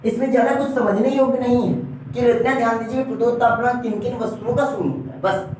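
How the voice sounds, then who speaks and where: A man's voice: extremely high pitch, fairly even intonation, quick pace, a little mellow, distant mic. A man teaches an exam-prep class, constantly tagging his points with a questioning "right?" and addressing his students fondly. His voice rings around a hard, very echoey room. The mic sits well away from him, with a faint hum underneath. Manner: keeps adding a questioning "right?" tag and calls the viewers dear children. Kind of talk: exam-prep lesson at a board.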